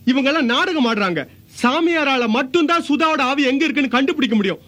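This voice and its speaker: An actor playing a flustered young man possessed by a spirit, hurried and defensive. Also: extremely high pitch, animated, a bit bright. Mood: urgent. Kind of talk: comedy TV serial acting.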